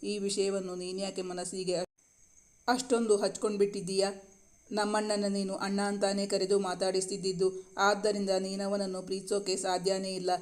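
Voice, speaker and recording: A caring young woman friend in a romance storybook, asking gentle probing questions, as a man reads her. The voice is high and flat in its tune. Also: normal speed, natural voice.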